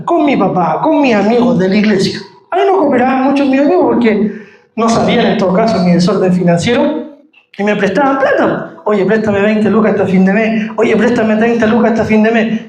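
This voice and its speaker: A man giving a sermon testimony, telling a story and calling the listeners brother. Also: extremely high pitch. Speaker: preacher. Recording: roomy echo.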